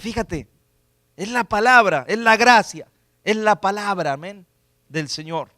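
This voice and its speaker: A middle-aged male pastor preaches a sermon in a church. He moves from hushed personal storytelling to loud, emphatic preaching. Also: high voice, no room sound. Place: church sanctuary.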